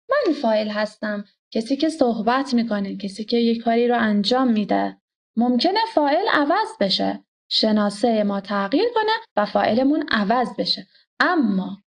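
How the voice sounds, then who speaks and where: A woman teaching a language grammar lesson, explaining carefully and repeating her example sentences slowly. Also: on the high side.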